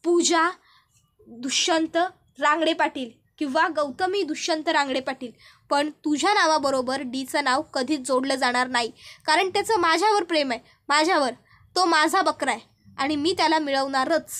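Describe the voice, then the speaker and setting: A woman acting as a possessive young woman from a retold serial. She rants bitterly in a very high voice, spitting out insults at her rival. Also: moderate pace, a bit bright. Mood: furious. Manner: bitter, ranting.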